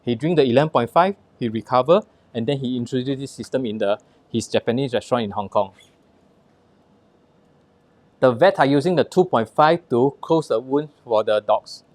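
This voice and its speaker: A man's voice: medium pitch, normal speed, a little mellow, dry recording. A man with a Singaporean accent presenting a live product demonstration, instructing the audience in short punchy phrases and rhetorical questions, with personal anecdotes mixed in.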